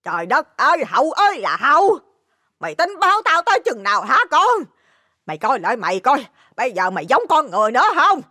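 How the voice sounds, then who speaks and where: A man's voice: extremely high pitch, big pitch swings, fairly quick, pushed and bright, no room sound, studio quality, pitched above the performer's own voice, heavily acted. A man doing a wailing, scolding older woman. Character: scolding older woman, worn-out mother figure.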